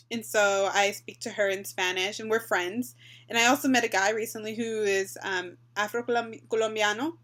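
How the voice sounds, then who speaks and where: A Texas woman in her twenties vlogs to her webcam in a medium-pitched, fairly bright voice. She's chatty, saying "um" and "like" a lot and slipping in some Spanish phrases. The built-in webcam mic sits close in her small bedroom.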